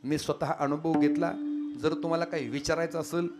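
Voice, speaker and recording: A man preaching a devotional kirtan sermon. He tells stories and speaks straight to his listeners, moving between quiet asides and loud exclamations. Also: little pitch movement, brisk, loud music behind the voice. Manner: storytelling, swings between soft asides and loud high exclamations; addresses the audience directly.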